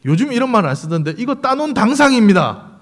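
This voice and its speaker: A man, his voice sitting high and moving lively across its range. He keeps the congregation engaged with rhetorical questions and light humor. A long church reverb trails each phrase. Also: fast. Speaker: pastor. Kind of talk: sermon. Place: church sanctuary.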